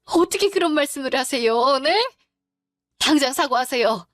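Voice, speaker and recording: A woman's voice: high voice, lively intonation, normal speed, a bit bright, dry recording, studio quality. A woman voicing a grieving middle-aged widow who speaks in a pleading yet firm way in a dramatized story. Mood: distressed.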